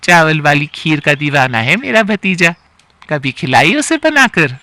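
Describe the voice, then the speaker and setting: A nagging elderly aunt-in-law picks at everything with sighing complaints, as a man voices her. The tone is bright and piercing and sits fairly high. The sound is dry and close. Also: sing-song, a little slow, no echo, full character voice. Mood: scolding. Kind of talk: storybook character acting.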